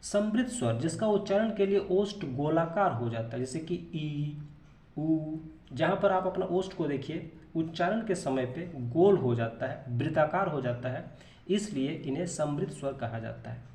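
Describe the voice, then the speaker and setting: A man's voice: on the high side, expressive, normal speed, a little mellow. Man teaching a patient grammar lesson, echoey. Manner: explains patiently, repeats terms and asks rhetorical questions.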